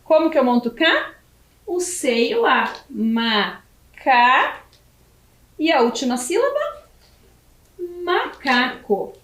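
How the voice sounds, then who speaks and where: A Brazilian Portuguese woman teaches young children in a video lesson. Her voice sits high and swoops up and down a lot, and she draws words out syllable by syllable. It sounds like a roomy, echoey space. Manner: slow, stretched syllables when spelling out words. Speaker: primary school teacher.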